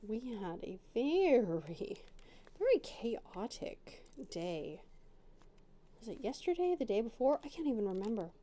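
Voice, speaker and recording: This crafting channel host, a middle-aged woman, has a fairly high, dark voice with big pitch swings and a measured pace. She chats and rambles casually at her dining room table as she crafts, teasing herself along the way.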